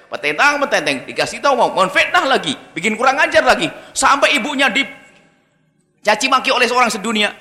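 High-voiced preacher guy, bright sharp tone, big hall reverb. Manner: animated, rhetorical questions to the audience. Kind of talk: sermon.

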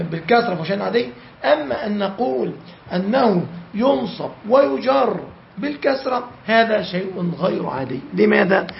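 A man explains grammar as a teacher. His voice is high and very gravelly, and he asks himself questions and answers them. The recording is dull and lo-fi. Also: a little hiss or hum. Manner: repeats key phrases, asks and answers his own questions.

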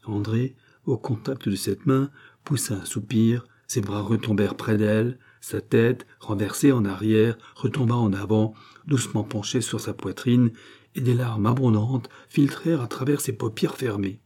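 A man narrating a classic novel in a measured, steady reading. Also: lowish voice, breathy edge. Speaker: audiobook narrator. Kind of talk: scripted literary narration.

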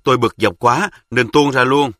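Man, southern vietnamese accent, story narration, bright crisp tone, dry close sound. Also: medium pitch, moderate pace, no echo.

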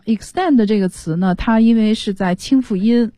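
A woman's voice: fairly high pitch, moderate pace, dark tone, no room sound. A woman teaching an English lesson on the radio, explaining words patiently and mixing English terms into her talk.

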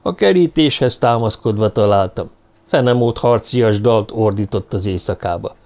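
A man voicing a gruff, resentful police constable in an audiobook, defensive and slow to answer. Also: fairly low pitch, a little mellow, natural voice. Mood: mocking. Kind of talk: audiobook character voice.

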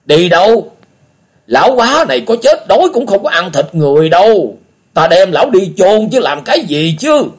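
A man voicing a cantankerous old male beggar martial artist who scolds and shouts in a husky voice for a story reading. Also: fairly high pitch, big pitch swings, unhurried, voice pushed up, heavily acted. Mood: angry scolding.

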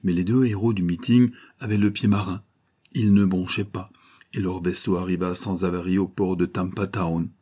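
Low, husky male audiobook narrator. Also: dark tone. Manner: measured, literary reading. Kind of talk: scripted narration of a classic novel.

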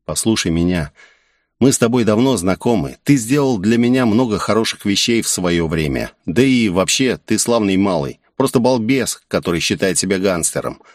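A man's voice: lowish voice, lively intonation, moderate pace, no room sound, studio quality, lightly acted. A man voicing a serious young man with secret powers who speaks firmly and earnestly. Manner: firm, earnest, persuasive.

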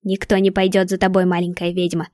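Brief: cruel dark witch, mocking and hissing, read by a woman, dry close sound. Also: lowish voice, completely flat delivery, a little fast, no room sound, close to an everyday voice. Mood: cold. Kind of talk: storybook reading.

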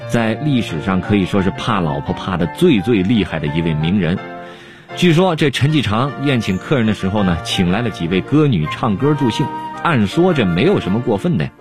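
A man telling an anecdote as a program narrator, in a relaxed, chatty way. His voice is low but lively in pitch. Clear background music plays behind him. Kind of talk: storytelling commentary.

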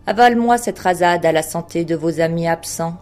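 A cruel, boisterous fat king, played by a woman roars his demands and jeers at those around him. The voice sits fairly low and turns loud and hectoring. Faint music plays beneath the storybook reading. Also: fairly quick, natural voice. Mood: mocking. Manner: loud, bullying, mocking laughter.

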